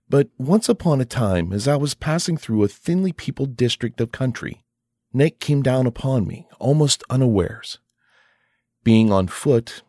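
A man reading a classic short story aloud as an audiobook narrator, in a measured, unhurried way. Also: medium pitch, a little mellow, no room sound, studio quality. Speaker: audiobook reader. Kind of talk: scripted narration.

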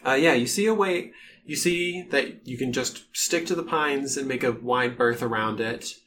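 Man, tabletop game narration, halting delivery, bright tone, noisy room sound. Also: medium pitch. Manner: halting, pieces scenes together in short phrases. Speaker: game master.

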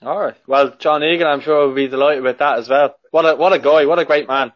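A man's voice: a little high, fairly even intonation, fairly quick. A man interviewing casually, in slightly dull lo-fi audio.

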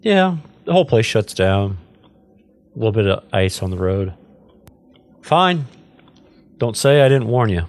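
A man's voice: lowish voice, big pitch swings, measured pace, pauses often, a little mellow. A man co-hosting a podcast in casual banter, teasing and pushy, sometimes talking with his mouth full. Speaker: podcast co-host. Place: Texas.

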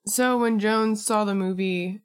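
A woman co-hosting a casual podcast, chatting with an animated, joking manner and quick self-deprecating asides. Her voice sits at an ordinary middle pitch for a woman. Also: smooth. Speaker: podcast co-host. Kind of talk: casual chat.

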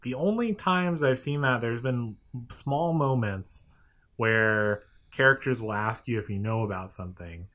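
A man's voice: medium pitch, a little slow, a bit bright. A young man in casual chat, thoughtful and hedging, often agreeing with his co-host.

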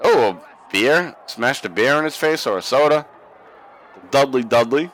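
Here another young podcast co-host chats casually over old wrestling footage, swearing freely and laughing often in this watch-along commentary. He speaks at normal speed in a mid-range, expressive, slightly bright voice, and the recording is rough.

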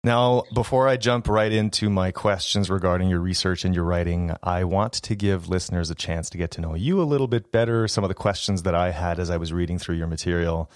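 A man's voice: low voice, a little fast, hardly any pauses, no echo, studio quality. A man with a French accent hosting an education podcast, eager and a little rambling, restarting his sentences. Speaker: podcast host. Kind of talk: podcast interview.

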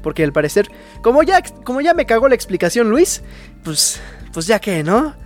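A young Mexican man talks in a high, slangy ramble as he recaps a story in casual chat. He cuts in with loose asides, and faint music plays under his voice. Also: very animated, normal speed. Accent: Mexican Spanish. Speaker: podcast co-host recapping anime.

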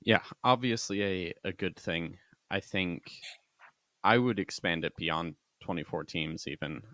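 A man's voice: low-pitched, unhurried, pushed and bright, no echo. A man co-hosting a casual sports podcast, earnestly arguing his view at length. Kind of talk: casual rugby talk.

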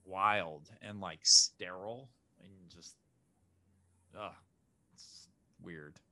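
A man's voice: low-pitched, drawn-out words, pushed and bright, a little hiss or hum. A man born in Zimbabwe, a filmmaker chatting casually in an interview, rambling with many restarts and fillers. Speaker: filmmaker guest.

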